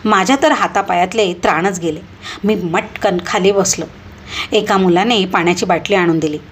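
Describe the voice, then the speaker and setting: A woman storyteller reading a first-person story with steady narration. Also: mid-range voice, normal speed, slight background noise.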